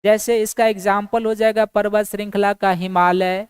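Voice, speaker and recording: A woman's voice: mid-range voice, flat delivery, normal speed, clean tone, no echo, clean studio sound. A woman giving a geography lecture for exam preparation, asking rhetorical questions, answering them herself and repeating key points. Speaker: geography teacher for exam prep. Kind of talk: classroom lecture.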